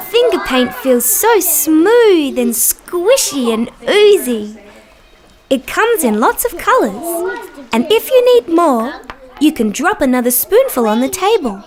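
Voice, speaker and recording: Dorothy the Dinosaur, very high and bouncy. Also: female voice, full character voice. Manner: sing-song, slow, simple, wonder-filled explaining to small children. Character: cheerful young female dinosaur, gentle children's presenter. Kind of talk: children's show scripted narration.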